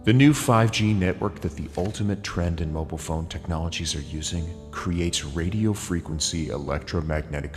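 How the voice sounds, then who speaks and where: Male narrator, disguised voice dropped extremely low, steady scripted read, long reverb and faint music under it.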